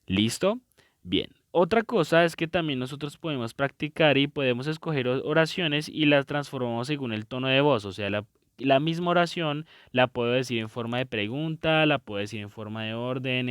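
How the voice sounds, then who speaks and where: A man's voice: medium pitch, a bit bright, clean tone, no echo, studio quality. A man teaching a recorded lesson, explaining step by step in a patient way and often checking in with his students.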